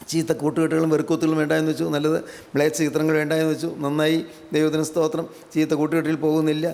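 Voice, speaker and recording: Male preacher from Kerala, gravelly, flat and fervent delivery, recorded in a reverberant hall. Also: on the high side. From Kerala, India. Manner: fervent, rhetorical questions, repeated praise refrains. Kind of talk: sermon.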